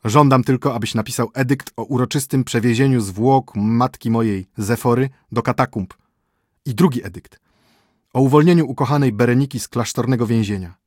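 A man's voice: medium pitch, brisk, a little mellow, no room sound, studio quality, voice pushed up, lightly acted. A man voicing a dying young prince, pleading. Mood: urgent. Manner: pleading, urgent questions. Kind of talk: audiobook character voice.

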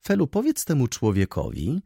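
Figure: sharp-tongued young widow voiced by a man. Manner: teasing, imperious, husky. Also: mid-range voice, huge pitch swings, normal speed, no room sound, clean studio sound, voice pushed up, full character voice. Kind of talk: audiobook character voice.

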